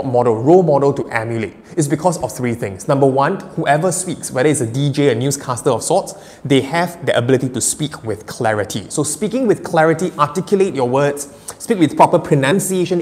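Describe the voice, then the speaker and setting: A man, an energetic, emphatic public speaking coach answering live questions and laughing often. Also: medium pitch, big-room sound. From Singapore. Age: 30s.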